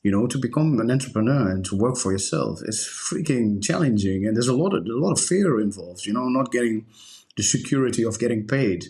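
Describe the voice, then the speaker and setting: With a medium-pitched, expressive, darkish-toned voice, a Dutch-native breathwork instructor talks earnestly in a relaxed podcast conversation. His speech is halting, with frequent restarts.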